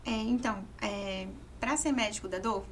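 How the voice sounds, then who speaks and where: A middle-aged woman from Salvador, a guest physician calmly explaining her career in a conversational interview. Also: mid-range voice, moderate pace, slight background noise. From Salvador, Brazil. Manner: calm, explanatory.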